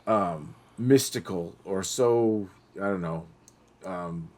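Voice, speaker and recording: A middle-aged podcast host with a deep voice takes his time, telling stories in a casual, chatty way. He's an animated storyteller who acts out the voices of the people he quotes.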